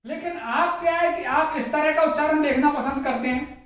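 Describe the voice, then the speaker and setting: A man's voice: very high voice, moderate pace, a bit bright. A man teaching English pronunciation in a classroom-style lesson. He drills each word by repeating it, and he asks questions and then answers them himself. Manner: drills words by repetition, asks and answers his own questions. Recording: echoey room, mic far off.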